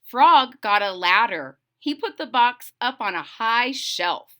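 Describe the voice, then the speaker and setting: A woman's voice: a little high, expressive, slow, fairly bright tone. A woman reading a children's story aloud, expressively, with simple explanatory asides for young listeners.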